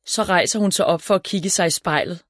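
A woman reading a children's story aloud in a calm, even storytelling voice. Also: on the low side, no room sound, studio quality. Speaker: narrator.

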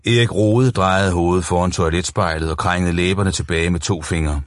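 A man narrating a novel as an audiobook, in steady, even storytelling. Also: sits low, dry recording, studio quality.

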